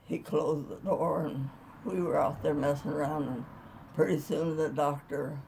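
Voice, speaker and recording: A woman over a hundred years old, being interviewed, recalls her childhood in casual, rambling, folksy storytelling. Her low voice is steady, unhurried, and a little mellow, with vocal fry and slight background noise.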